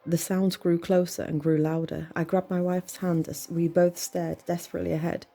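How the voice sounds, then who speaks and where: A woman reading a horror story aloud in a measured, tense storytelling manner. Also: on the low side, flat delivery, creaky. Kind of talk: scripted horror narration. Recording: soft music bed under voice.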